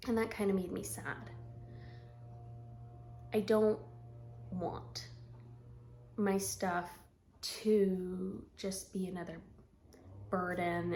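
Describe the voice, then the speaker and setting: A woman in her forties chatting casually to camera about her stitching, rambling with frequent ums and throat clearing. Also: mid-range voice, slight background noise. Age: 40s. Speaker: stitching vlogger.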